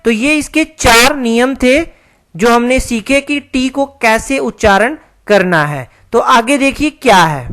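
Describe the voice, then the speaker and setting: A woman's voice: fairly high pitch, slow, a bit bright. A woman teaching an online English lesson, explaining carefully and spelling words out letter by letter.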